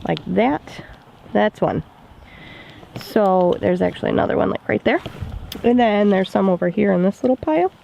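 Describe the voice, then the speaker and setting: A woman's voice: mid-range voice, animated, moderate pace, vocal fry, pauses often, dark tone, lo-fi sound, slight background noise. A young woman vlogging outdoors by a cabin in the woods, chatting casually and rambling with lots of fillers. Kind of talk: casual vlog chat.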